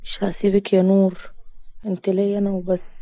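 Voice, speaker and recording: A possessive, hot-tempered young Egyptian man barks blunt commands, voiced by a woman narrator. The tone stays dark and mellow, on a dull, dry recording. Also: medium pitch, completely flat delivery, brisk, dry recording, lightly acted.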